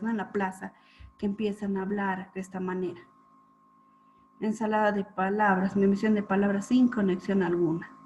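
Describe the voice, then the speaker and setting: A woman lecturing students on clinical topics, explaining step by step and often checking in with a quick question. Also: mid-range voice, a little mellow. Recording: dull lo-fi recording with faint hum.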